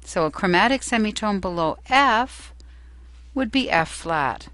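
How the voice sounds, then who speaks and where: Slow, patient woman teacher. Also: mid-range voice, expressive, a bit bright, dry recording. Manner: patient, careful step-by-step explaining. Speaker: music theory teacher. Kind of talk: instructional lesson narration.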